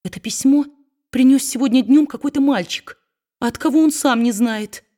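A woman's voice: high voice, normal speed, dark tone, voice pushed up, lightly acted. A woman voicing a meek, trembling young wife. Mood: anxious. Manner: trembling, pleading. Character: timid, meek young wife, tearful and pleading.

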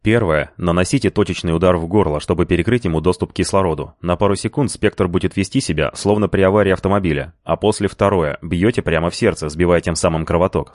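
A man narrating a first-person story in a steady, even storytelling manner. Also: sits low, no room sound, studio quality. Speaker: audiobook narrator.

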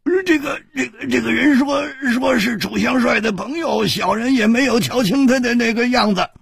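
一位男说书人扮演一个吓坏了的壮汉，说话结结巴巴、带着哭腔。. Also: male voice, very high-pitched, normal speed, gravelly, a bit bright, husky, no room sound, pitched above the performer's own voice, heavily acted. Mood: frightened. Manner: stammering, whimpering. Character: terrified burly man, stammering and whining.

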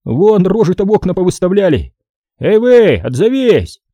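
A man voicing a cocky, coarse male adventurer who talks loudly and mockingly. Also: sits high, big pitch swings, normal speed, no room sound, lo-fi sound, voice pushed up, exaggerated voice. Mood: brash. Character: brash rough-talking male adventurer, cocky.

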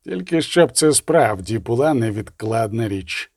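Imperious irritable bishop, as a man puts him on, snappish, slightly high voice. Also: very animated, normal speed, darkish tone, no echo, clean studio sound. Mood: irritated. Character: irritable arrogant male bishop.

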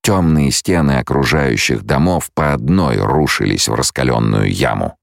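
A man narrates a novel in a measured storytelling way, his voice extremely deep and gravelly. His intonation moves a lot, and the recording is close and dry. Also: expressive, no room sound. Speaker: audiobook narrator. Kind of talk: scripted narration.

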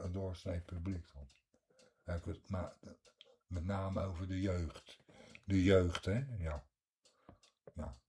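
A man's voice: low-pitched, creaky, dark tone, slight background noise. An older man hosting a casual radio chat show, rambling and opinionated in a down-to-earth way. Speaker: radio host. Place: radio studio.

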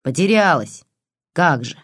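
A woman's voice: sits low, very animated, moderate pace, dry recording, studio quality. A reader voicing a furious one-eyed old village woman who scolds and curses shrilly. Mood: scornful. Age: older.

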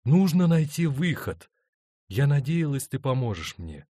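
A man's voice: medium pitch, sing-song, a little slow, mellow, no room sound, clean studio sound, pitched above the performer's own voice. A man reading an audiobook, voicing an adult woman torn between two men who speaks in an earnest, pleading way.

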